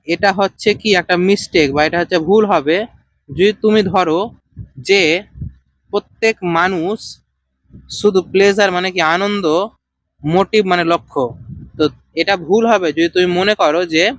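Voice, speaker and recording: A man with a Bengali accent, teaching an English textbook lesson line by line, slowly and haltingly, with fillers and questions to his students. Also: high voice, a bit bright, no room sound. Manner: slow, halting, with many fillers and rhetorical questions.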